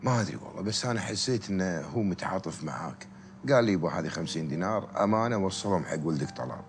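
An actor in his fifties playing a gentle, devout working-class father in a TV drama, with a Gulf Arabic accent and fatherly manner. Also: deep voice, lively intonation, very fast, a little hiss or hum. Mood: fatherly, calm. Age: 50s. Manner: fatherly, addresses listener as son, blessing phrases. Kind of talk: naturalistic TV drama acting.

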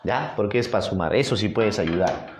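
A man's voice: lowish voice, lively intonation, moderate pace, a little hiss or hum. A man with a Peruvian accent teaching a geometry review lesson at a whiteboard, playful and coaxing with his students. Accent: Peruvian Spanish. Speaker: math teacher. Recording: roomy echoey room sound.

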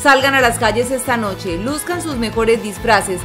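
A woman reporter reading a scripted news voice-over in an upbeat, even manner. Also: fairly high pitch, moderate pace. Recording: music bed behind voice-over.

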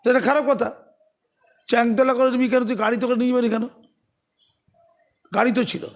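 A man's voice: high-pitched, creaky. A man giving heated political talk, sarcastic and full of rhetorical questions. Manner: sarcastic, rhetorical questions, grows loud and forceful. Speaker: political commentator.

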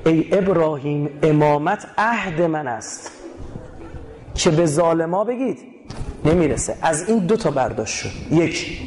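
A man from Iran giving an animated religious lecture to a live audience, asking rhetorical questions and explaining words one by one. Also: on the high side, slight background noise. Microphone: recording his own lecture.

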